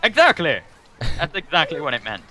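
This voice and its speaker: A man's voice: a little high, huge pitch swings, brisk, bright, forceful tone. A man playing a co-op game with friends, teasing them and giving advice. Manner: teasing, know-it-all advice. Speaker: co-op player. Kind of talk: casual gaming chat.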